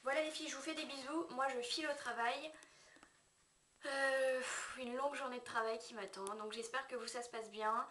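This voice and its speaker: A woman's voice: high-pitched, fairly even intonation, moderate pace, sharp tone, a little hiss or hum. Chatty woman vlogging in an echoey room. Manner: chatty, hesitant, with frequent fillers and self-corrections. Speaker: beauty vlogger. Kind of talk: casual product review to camera. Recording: echoey room, mic set at a distance.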